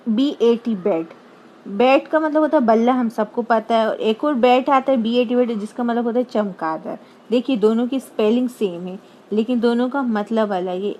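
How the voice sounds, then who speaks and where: High-voiced woman teaching a lesson. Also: mellow, a little hiss or hum, poor audio. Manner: explains slowly, repeating terms with Hindi glosses. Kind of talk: explaining English grammar lesson.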